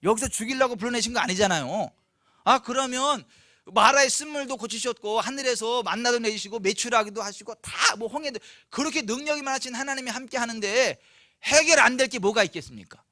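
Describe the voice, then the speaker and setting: High, bright-voiced pastor preaching. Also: male voice, fairly quick, dry recording, clean studio sound. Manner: emphatic, many rhetorical questions. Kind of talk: sermon. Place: church, Friday night service.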